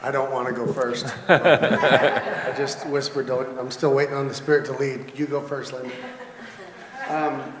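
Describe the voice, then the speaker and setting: A man's voice: mid-range voice, flat delivery, unhurried, pauses often, noisy background. Congested man sharing hesitantly in an echoey church. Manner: hesitant, self-deprecating. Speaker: mission trip member sharing. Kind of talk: informal testimony. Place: church sanctuary. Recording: echoey church hall with congregation.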